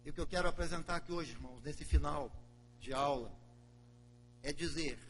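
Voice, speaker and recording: A pastor preaching in a church, telling the story dramatically in a notably high voice. A faint hum sits beneath the recording. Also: male voice, a little fast, a bit bright, low-quality recording. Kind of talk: sermon.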